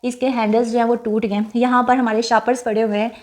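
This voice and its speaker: A woman's voice: on the high side, level tone, fast talker. Chatty, wistful young woman vlogger. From Pakistan. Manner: chatty, reflective, with frequent fillers; speaks softly and wistfully about her late mother. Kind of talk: casual vlog narration.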